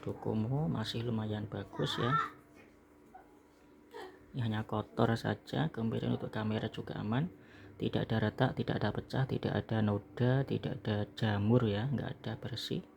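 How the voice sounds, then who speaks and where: A man's voice: on the low side, fairly even intonation, moderate pace, creaky, darkish tone, slight background noise. An Indonesian man recorded indoors in a small room, casually explaining a product as an online seller and often tagging phrases with a short confirming word. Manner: explanatory, repeatedly ends phrases with "ya". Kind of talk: casual product packing and review narration.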